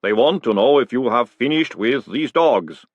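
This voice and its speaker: A man voicing a slow, deliberate golem servant. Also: medium pitch, expressive, no echo, dull audio, close to an everyday voice. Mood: patient, formal. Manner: slow, deliberate, formal delivery. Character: patient, plodding male golem servant, literal-minded and polite. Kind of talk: audiobook character voice.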